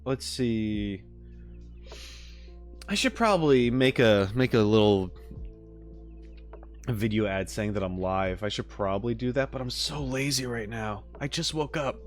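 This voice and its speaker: A man hosting a game reaction livestream talks casually with his viewers, informal and rambling, cracking self-deprecating jokes. His mid-range voice moves a little slowly with long pauses. He streams from home in front of a green screen while music plays.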